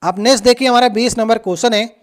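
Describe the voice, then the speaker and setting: At a medium pitch and a very fast pace, a coaching teacher patiently walks students through past exam questions. The teacher talks straight to them and checks in frequently.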